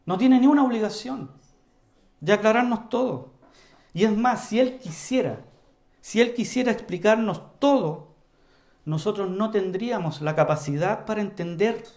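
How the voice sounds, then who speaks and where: A man preaching an earnest, emphatic sermon to his congregation, repeatedly calling them brothers and moving between loud emphasis and quiet, low passages. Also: moderate pace. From Chile. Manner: earnest, emphatic, often addresses the congregation as "hermanos"; varies volume widely, rising to loud emphasis and dropping low.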